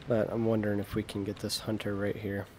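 A young American man with a fairly low voice talks through his gameplay in a loose, laid-back way, joking at his own expense and trailing off mid-thought. A faint low rumble sits under his voice. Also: quick pace. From United States. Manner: relaxed, self-deprecating, trails off mid-sentence. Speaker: gaming video creator. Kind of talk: casual gameplay commentary.

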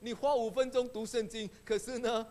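A male pastor preaching a sermon, telling a story with animated delivery and acting out the voices of the people in it. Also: very high-pitched, normal speed.

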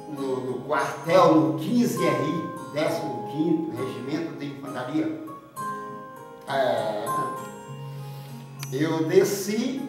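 A man in his seventies with a Northeastern Brazilian accent from Paraíba, earnestly recounting his life story in a rambling, emotional way. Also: fairly high pitch. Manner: rambling, earnest, with frequent "né?" asides. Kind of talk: slow, emotional spoken memoir. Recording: echoey room, distant mic, guitar music. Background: guitar music.

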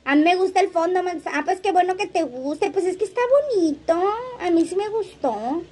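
Livestream host, woman, high voice, gossipy and playful. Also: moderate pace, warm tone. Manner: chatty, laughs often, reads comments aloud. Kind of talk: casual livestream chat reading comments.

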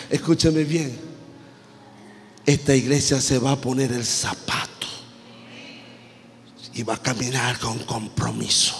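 A man's voice: mid-range voice, in a large hall. A male pastor preaching a sermon with dramatic storytelling, commanding his congregation. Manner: animated, acts out characters, commanding the congregation. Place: church.

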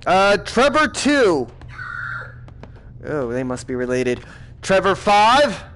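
A man's voice: high-pitched, sing-song, slow, fairly bright tone, a little hiss or hum. A man playing a villain boss in a comedic gaming session, talking in a mock-stern, exasperated way. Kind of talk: comedic gaming role-play.

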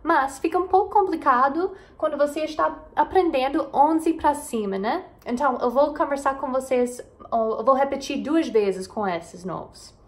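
A woman's voice: high-pitched, normal speed. A young American woman, a native English speaker, giving a bilingual language lesson with an American English accent in her Portuguese. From United States. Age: young adult. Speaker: English teacher and channel host. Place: indoors beside a whiteboard.

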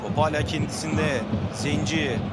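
A man's voice: fairly even intonation, unhurried, loud music behind the voice. A man giving live play-by-play football commentary in short clipped phrases, naming players as he goes. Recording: loud crowd and outdoor pitch noise.

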